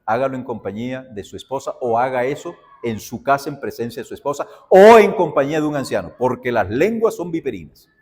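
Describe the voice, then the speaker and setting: Animated man teaching theology. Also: mid-range voice, a little fast, few pauses, big-room sound. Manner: animated storytelling, addresses students directly. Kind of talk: classroom lecture with acted examples.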